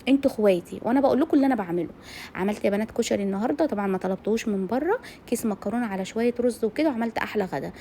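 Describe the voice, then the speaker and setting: Direct, quick-fire Egyptian woman vlogging. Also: fairly high pitch, animated, warm tone, a little hiss or hum. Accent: Egyptian Arabic. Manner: rapid, outspoken, talks straight to female viewers. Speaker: cooking vlogger. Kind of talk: casual chat while cooking.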